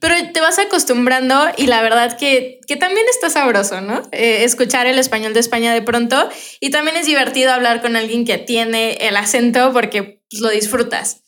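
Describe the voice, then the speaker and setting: A woman's voice: a little high, normal speed, fairly bright tone. A woman co-hosting a podcast, chatting cheerfully and asking the guest questions. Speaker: podcast co-host. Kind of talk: casual podcast interview.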